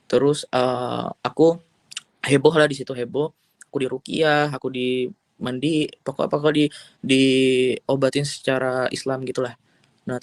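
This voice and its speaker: A man's voice: medium pitch, dry recording. A young man from Indonesia telling his personal testimony in an earnest, emotional way, full of fillers and restarts. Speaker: testimony giver.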